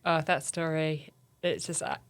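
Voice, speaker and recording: Low-voiced woman podcast host. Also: steady tone. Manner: reflective, halting with fillers and restarts. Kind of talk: conversational interview.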